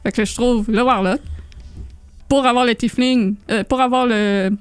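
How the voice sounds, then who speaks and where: Higher-pitched Quebecois woman, dry sound. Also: fairly even intonation, unhurried, clean tone, no echo, soft background music. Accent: Quebec French. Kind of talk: casual chat about tabletop role-playing games.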